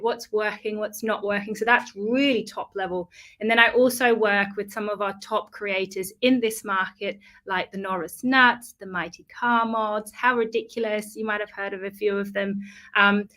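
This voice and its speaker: A woman's voice: medium pitch, sharp tone. A woman from the Netherlands presenting in an online webinar, fluent and friendly with frequent ums. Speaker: YouTube partner manager presenting.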